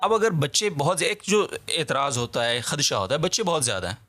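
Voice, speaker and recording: A man interviewing in a casual discussion, agreeable and quick to chime in with short affirmations. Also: on the high side, lively intonation, pushed and bright, dry recording.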